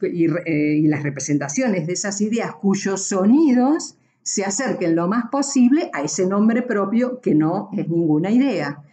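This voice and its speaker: A woman's voice: mid-range voice, dark tone. A woman giving a university class, explaining patiently with frequent tag questions and self-corrections. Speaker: university lecturer. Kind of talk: recorded class lecture.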